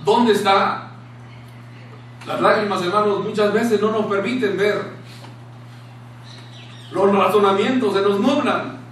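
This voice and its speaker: A man preaching a sermon in a small church room, impassioned, dropping to a hushed tone when he quotes scripture. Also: sits high, fairly even intonation, takes it slowly, long pauses. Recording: very echoey room, distant mic, faint hiss.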